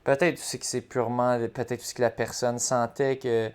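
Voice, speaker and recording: A man with a Quebec French accent talking casually and speculating, haltingly, with repeated words. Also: mid-range voice, little pitch movement, clear, resonant tone.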